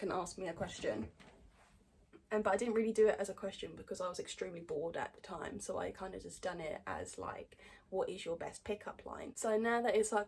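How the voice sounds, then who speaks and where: Husky-voiced woman, blunt chat. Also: mid-range voice, darkish tone. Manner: blunt and sweary with sarcastic asides. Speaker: podcast host. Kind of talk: casual chat reading out fan messages.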